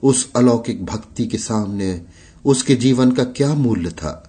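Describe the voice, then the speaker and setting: A man reading a classic Hindi short story aloud in a measured, literary way. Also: medium pitch, expressive, mellow. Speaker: audiobook narrator. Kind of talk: scripted story narration.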